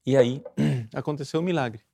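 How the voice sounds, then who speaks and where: A man with a Brazilian Portuguese accent preaching fervently, pressing his listeners with rhetorical questions and reading quoted passages slowly and solemnly. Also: mid-range voice, vocal fry, dark tone, a little hiss or hum. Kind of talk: sermon explaining a spiritual classic.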